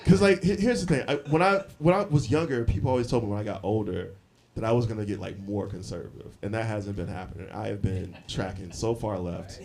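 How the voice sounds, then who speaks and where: A man in his forties telling stories in a live stand-up set, animated and laughing often between lines. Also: fairly low pitch, fast, creaky. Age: 40s. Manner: animated storytelling, frequent laughs and fillers. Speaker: stand-up comedian. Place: comedy club stage with audience. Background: audience laughter.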